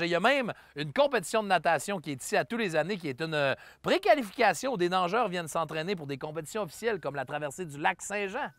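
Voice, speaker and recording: A man's voice: sits high, fairly bright tone, no room sound. A man with a Quebec French accent hosting a comedy tour show outdoors, telling absurd tall tales with a straight face. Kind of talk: jokey guided tour, mock reporting.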